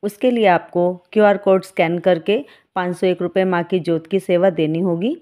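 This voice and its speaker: Woman spiritual guide doing a devotional talk, lowish warm voice, calm and motherly, calls everyone children. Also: normal speed.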